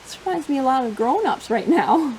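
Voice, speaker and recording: A high-voiced woman reads a picture book fairly quickly for children's storytime, expressive and sing-song, chatting directly with her young audience. The low-quality recording has slight background noise.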